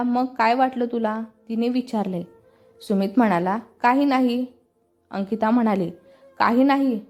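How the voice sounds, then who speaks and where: A woman's voice: on the high side, darkish tone. A woman reading a story aloud as scripted narration, speaking all the characters' lines in her own voice.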